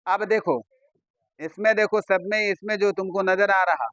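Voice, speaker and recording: This is a man with an Urdu accent leading a grammar lesson in class. His voice sits high. The sound is dry and close. He repeats key points and stops to put questions to his students. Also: a bit bright, no room sound, rough recording. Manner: repetitive, questioning students, drawn-out explaining. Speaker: Urdu teacher.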